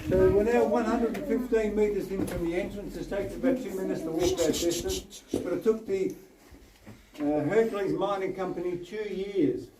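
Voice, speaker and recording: A man with a high, mellow voice works as a mine tour guide, demonstrating and explaining things step by step inside an underground tunnel. A camera mic picks him up from some distance, so he sounds off-mic, and the tunnel is echoey and noisy.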